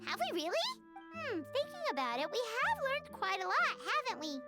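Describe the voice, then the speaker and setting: A woman voicing a tiny, chirpy, eager fairy companion in a video game, with a very high, squeaky, childlike voice. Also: huge pitch swings, brisk, full character voice. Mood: excited. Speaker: game character voice. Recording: game audio over music.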